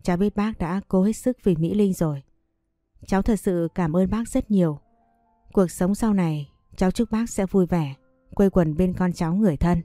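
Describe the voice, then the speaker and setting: A woman's voice: on the low side, normal speed, dark tone, no echo, clean studio sound, faint music behind, lightly acted. A woman voicing a grieving young woman, an older sister who speaks in a restrained, coaxing way.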